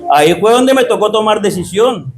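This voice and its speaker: A man's voice: sits high, expressive, normal speed, faint music behind. A Colombian pastor with a Santander accent, a man giving his testimony in church with fervent preaching, keeps calling his listeners brother. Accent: Santander Colombian Spanish. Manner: fervent preaching, often breaks into shouting. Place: church with a congregation.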